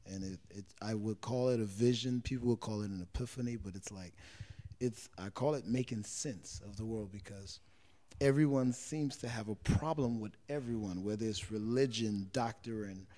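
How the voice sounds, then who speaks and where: An Israeli-born man in his thirties, low-pitched with a darkish tone, answers interview questions earnestly about life as a street singer. He searches for words and keeps repeating phrases, speaking into a handheld interviewer mic held close in a small living room.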